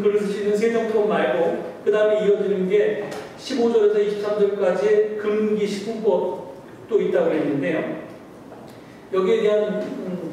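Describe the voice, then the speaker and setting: A man's voice: sits high, dark tone, slight background noise. A male pastor preaching a Sunday sermon in a church, with a conversational, storytelling way of preaching. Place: church sanctuary. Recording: echoey hall, distant mic.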